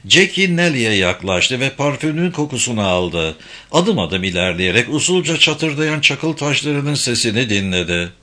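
Male audiobook narrator, bright timbre, measured suspenseful read. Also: medium pitch, big pitch swings.

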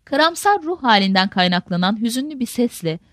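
A woman narrating a novel in a measured, literary manner. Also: a little high, very animated, a bit bright, no echo, studio quality. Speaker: audiobook narrator.

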